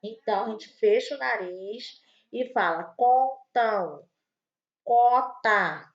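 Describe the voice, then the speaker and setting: A woman teaching an online grammar lesson to young children, slow and patient, spelling out each word. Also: mid-range voice, highs cut off. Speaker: primary school teacher.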